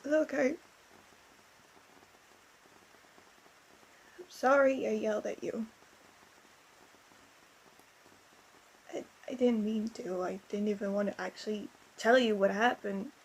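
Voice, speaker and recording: In an emotional audio roleplay, a woman plays a lonely, distraught young female ghost, speaking haltingly with stammered repetitions in an apologetic, sad mood. Her voice is medium-pitched and husky, and the audio quality is poor.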